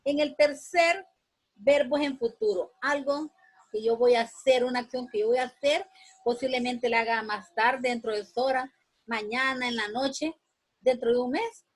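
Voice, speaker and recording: A woman's voice: a little high, normal speed, poor audio. A woman teaching a sixth-grade lesson, patiently repeating each point and giving instructions to students. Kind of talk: classroom lesson.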